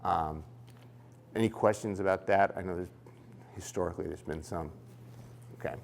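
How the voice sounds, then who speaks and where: A man's voice: sits low, normal speed, gravelly, slight background noise. A man giving a casual, explanatory training talk for poll workers, with fillers and restarts. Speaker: election trainer.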